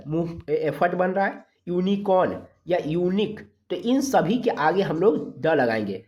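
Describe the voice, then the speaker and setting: A teacher from India giving a grammar lesson, explaining rules step by step, sounding letters out slowly and checking in often with the class. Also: mid-range voice, a little mellow. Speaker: exam-prep English grammar teacher.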